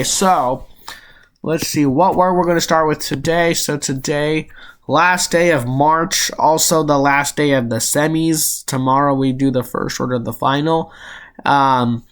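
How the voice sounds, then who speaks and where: Slow-talking young man playing word puzzles. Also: medium pitch. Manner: unhurried, chatty, easily rattled and self-deprecating. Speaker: gaming channel host. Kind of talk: casual commentary while playing a word game.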